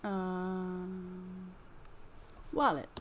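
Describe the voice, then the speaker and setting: A woman's voice: fairly low pitch, completely flat delivery, very slow, noisy background. A woman giving casual gameplay commentary, muttering to herself in a sardonic way. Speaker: gamer playing and commenting.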